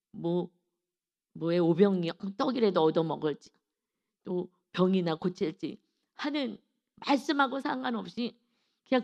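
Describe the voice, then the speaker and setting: A woman's voice: mid-range voice, gravelly, a little mellow. A woman pastor preaching a dawn devotional sermon with fervor, acting out the lines of biblical characters and calling for amens. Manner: fervent, acts out biblical dialogue, calls for amen.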